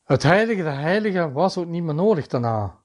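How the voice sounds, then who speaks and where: A man delivers a sermon, his voice sitting a little higher than most men's. He speaks earnestly, reads scripture aloud with its references, and now and then stumbles into a halting restart. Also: expressive. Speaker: preacher.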